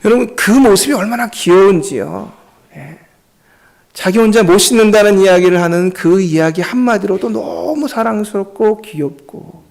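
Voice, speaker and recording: A male pastor with a high voice for a man, preaching a Sunday sermon. He speaks earnestly and weaves simple stories into his message. He keeps turning to the congregation as he speaks. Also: moderate pace, gravelly, a little mellow. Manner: earnest, storytelling, addresses the congregation often.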